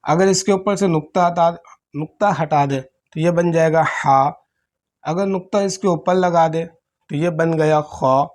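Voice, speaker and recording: A man teaching Arabic letters for Quran reading, explaining patiently step by step and often clearing his throat. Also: sits high, darkish tone. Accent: Pakistani Urdu. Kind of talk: slow classroom-style letter teaching.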